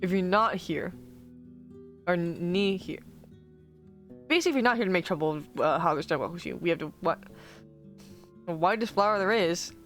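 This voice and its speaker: Brief: streamer doing a friendly village guard, folksy lilt, average pitch. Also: expressive, normal speed, pauses often, a bit bright, soft background music, close to an everyday voice. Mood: welcoming. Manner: folksy lilt, attempted Irish or Scottish accent. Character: friendly rustic village gate guard, adult man.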